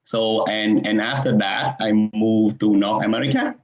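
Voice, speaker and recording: A man from Vietnam with a Vietnamese accent, giving an online technical presentation, with frequent pauses and restarts. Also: fairly low pitch, steady tone. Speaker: conference presenter. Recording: dull, muffled sound.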